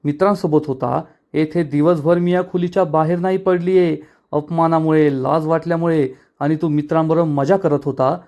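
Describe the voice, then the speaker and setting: A man's voice: on the high side, fairly even intonation, moderate pace, darkish tone, close to an everyday voice. A man voicing a spiteful, scheming young woman from a TV serial, scolding and indignant. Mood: angry.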